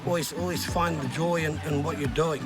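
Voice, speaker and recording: Higher-voiced New man under loud music. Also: fairly even intonation, fairly quick. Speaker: interviewee giving well-wishes. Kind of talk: casual message to camera.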